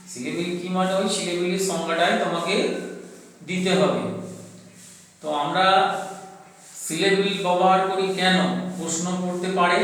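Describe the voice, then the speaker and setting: A man's voice: high-pitched, a bit bright. A male teacher with a Bengali accent giving an online class lesson, explaining step by step and repeating definitions for his pupils. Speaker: school English teacher. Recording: roomy echo, distant mic, faint background noise.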